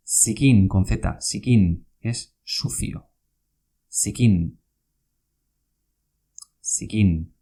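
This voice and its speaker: A man teaching Basque vocabulary in a podcast lesson, speaking slowly and patiently and repeating each word. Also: lowish voice, creaky, dark tone.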